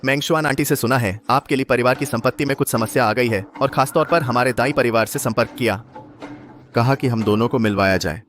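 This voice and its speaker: A man voices a haughty rich rival with a plain mid-pitched voice, sneering and threatening. Soft music runs under the dubbed lines. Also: fairly quick, lightly acted. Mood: polite. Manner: arrogant, insulting, threatening. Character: arrogant rich young man, jealous suitor. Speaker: rival suitor. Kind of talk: Hindi dubbed short drama.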